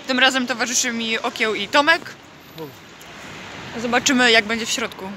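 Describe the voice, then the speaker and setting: A young woman chatting through a casual travel vlog, laughing often and filling pauses with hesitations, filmed on a handheld phone. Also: a little high. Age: young adult. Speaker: vlogger. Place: outdoors and in a snack bar, city and seaside. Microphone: handheld phone camera. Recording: loud street noise behind.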